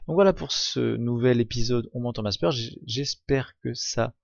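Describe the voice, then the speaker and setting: A man hosting a strategy game tutorial video, signing off in a flat, robot-like monotone. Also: medium pitch, normal speed, gravelly, no room sound, highs cut off. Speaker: gaming video host.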